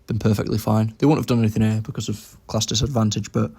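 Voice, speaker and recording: Young male gamer with a low voice, talking through his plays casually. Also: flat delivery, quick pace, mellow, breathy edge. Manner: thinks aloud about his moves. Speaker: game commentator. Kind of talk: casual gameplay commentary.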